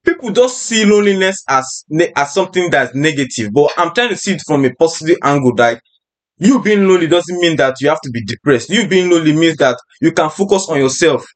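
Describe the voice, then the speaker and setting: A man's voice: fairly high pitch, animated, fairly quick. A young adult man with a Nigerian accent hosting a casual podcast chat in an informal, slangy way. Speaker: podcast host.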